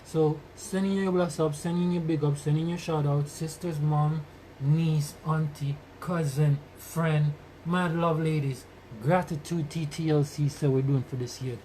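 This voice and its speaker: Unhurried and steady, with a fairly high pitch and darkish tone, this podcast host speaks Rasta-style on a casual live stream, offering blessings to his community and repeating phrases for emphasis. He roams away from the mic, leaving the sound noisy and distant.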